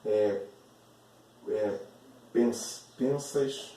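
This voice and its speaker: Aula gravada num cômodo com eco, de um professor brasileiro de voz grave e mansa. A fala é pausada e didática, cheia de repetições e de um "certo?" constante. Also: male voice, fairly low pitch, warm tone, slight background noise. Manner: slow, repeats words, often checks with "certo?". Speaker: teacher. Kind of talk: classroom lesson explaining grammar. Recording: echoey room, voice from a distance.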